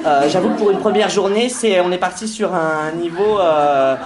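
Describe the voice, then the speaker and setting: A man's voice: high-pitched, moderate pace, crowd noise, voice pushed down, close to an everyday voice. A man improvising as a nervous young female schoolteacher on her first day, stammering and full of hesitations, on a roomy stage before a live audience. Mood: flustered. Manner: flustered, stammering, many hesitations.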